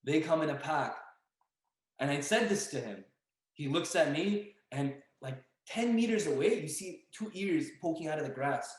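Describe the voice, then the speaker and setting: A young man telling a story as a podcast guest, casual and animated, acting out the voices of the people in it. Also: fairly high pitch, normal speed. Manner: animated, acts out dialogue and yelling. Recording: echoey room.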